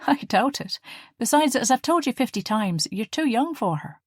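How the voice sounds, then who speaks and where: A woman reading the part of a young female student and caring older sister in an audiobook, earnest and expressive. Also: on the high side, moderate pace, breathy edge, no room sound, clean studio sound, voice pushed up. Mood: teasing.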